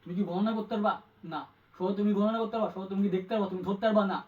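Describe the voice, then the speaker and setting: A high-voiced man rattles through an exam-prep grammar lesson at a brisk clip, quizzing his students over and over. He sounds a little distant from the mic, and the recording is dull. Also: fairly even intonation. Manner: quick, repetitive, asks the student questions. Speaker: English tutor.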